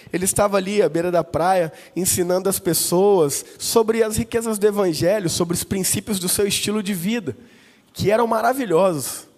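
A male pastor preaching a sermon, telling a personal story and acting out the dialogue in different voices. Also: high-pitched. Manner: animated, acts out dialogue with voices. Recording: long reverb.

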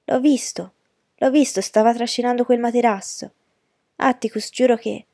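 A woman's voice: brisk, creaky, dark tone, dry recording, studio quality. A woman doing an urgent, pleading young boy. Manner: higher, urgent, breathless pleading. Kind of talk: audiobook reading.

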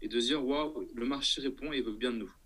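A man's voice: medium pitch, quick pace, a bit bright, breathy edge. A man talking casually in an interview as an entrepreneur, hesitating and thinking aloud, often checking that the listener follows. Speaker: entrepreneur guest.

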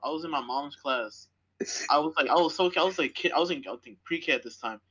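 A man's voice: on the high side, fast, fairly bright tone, breathy edge. A young man telling a rambling story to friends, breaking off and restarting. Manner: rambling, self-interrupting. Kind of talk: casual storytelling.

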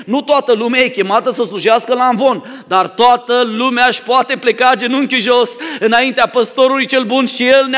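A man preaching a sermon as pastor, telling stories dramatically and swinging from loud calls to hushed tones. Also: sits high. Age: adult, married. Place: church hall. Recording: reverberant church hall.

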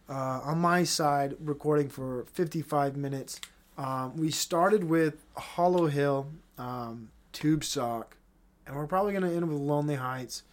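A young man hosting a solo podcast, ranting in a profane, heated way, then trailing off into mumbles. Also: a little high. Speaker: podcast host.

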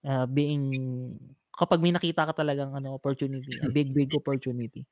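A Filipino man hosting a casual talk show, speaking earnestly and haltingly to listeners. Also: medium pitch, flat delivery, darkish tone, no room sound. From Philippines. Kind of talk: casual chat with listeners, Tagalog mixed with English.

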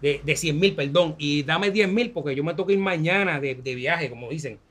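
A man with a Puerto Rican accent, co-hosting a casual comic chat show and telling animated stories with frequent laughs. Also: a little high, moderate pace. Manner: animated storyteller, laughs often. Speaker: co-host.

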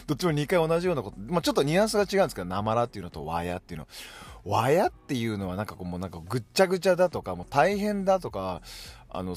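A man with a Hokkaido accent talks through a casual solo podcast episode in a lowish voice. His pitch moves all over the place as he chats, and he fills the gaps with short affirmations. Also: darkish tone. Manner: chatty, dotted with "hai" affirmations. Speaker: podcast host.

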